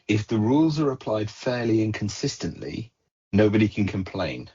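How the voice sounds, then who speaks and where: Low husky man with dry asides. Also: lively intonation, warm tone. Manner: measured, dry punning asides. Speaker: podcast co-host. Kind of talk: casual chat. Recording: dull lo-fi podcast audio.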